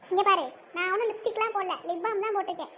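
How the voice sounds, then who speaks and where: A woman's voice: very high-pitched, fairly even intonation, racing, fairly bright tone, a little hiss or hum. A woman voicing a haughty, quarrelsome teenage older sister in a cartoon. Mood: bickering. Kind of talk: cartoon voice acting.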